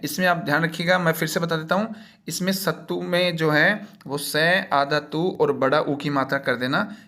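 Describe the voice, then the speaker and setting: Man, teacher, slightly high voice, patient, repetitive, step-by-step worksheet lesson. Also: a bit bright.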